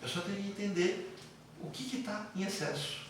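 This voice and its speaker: A man's voice: high voice, brisk, vocal fry, slight background noise. A man from the interior of São Paulo with a light Brazilian accent, lecturing a class in a conversational way, repeating himself and telling anecdotes. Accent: light São Paulo interior Brazilian Portuguese. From interior of São Paulo state, Brazil. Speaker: psychoanalysis teacher. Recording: echoey classroom from far off.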